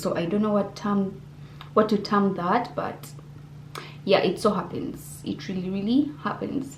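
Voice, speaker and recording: A woman's voice: fairly low pitch, a little mellow. A young adult woman from Uganda, chatting expressively to viewers in a casual Q&A vlog from her bedroom. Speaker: vlogger. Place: bedroom indoors. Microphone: camera on desk facing her. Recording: roomy bedroom echo, faint hum.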